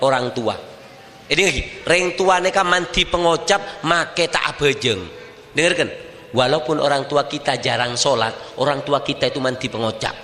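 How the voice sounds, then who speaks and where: A man with a Madurese accent preaching a lively sermon to a women's gathering. He talks emphatically and keeps asking the crowd rhetorical questions. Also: fairly high pitch. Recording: echoey reverberant hall.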